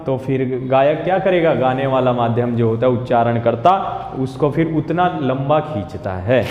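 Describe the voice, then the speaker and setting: A man giving a classroom lesson, explaining slowly and repeating each term. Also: medium pitch, lo-fi sound, slight background noise. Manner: explains slowly, stretching out sounds and repeating terms. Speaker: teacher. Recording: echoey room with long reverb.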